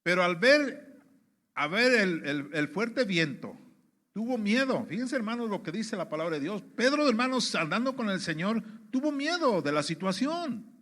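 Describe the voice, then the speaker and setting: A man from Mexico delivers a sermon in a notably high voice. He keeps addressing his brothers and poses rhetorical questions, often stumbling into restarts as he presses his point. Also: sing-song, normal speed, a bit bright. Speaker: preacher.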